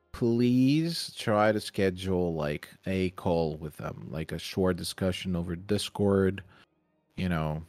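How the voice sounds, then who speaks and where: Low-voiced man, rambling casual chat. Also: clean tone, no room sound. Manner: rambling, hesitant, many restarts.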